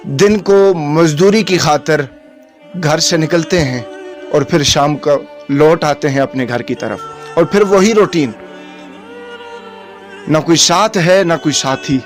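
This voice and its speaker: A man's voice: on the high side, slow, pauses often, soft background music. A man hosting a field report, narrating solemnly in formal speech and appealing to viewers. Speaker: reporter host.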